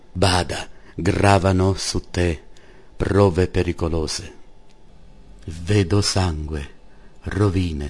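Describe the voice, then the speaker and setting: A grave friar admonishes a tyrant in a low, unhurried voice, as a man reading a story plays him. His speech is solemn and preacherly, stern yet gentle.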